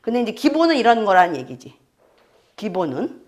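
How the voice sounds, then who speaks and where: A woman's voice: mid-range voice, big pitch swings. A woman teaching an astrology class, explaining step by step, repeating key terms and often checking whether her students follow. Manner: keeps checking students with quick questions. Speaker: fortune-telling astrology teacher. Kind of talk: classroom lecture.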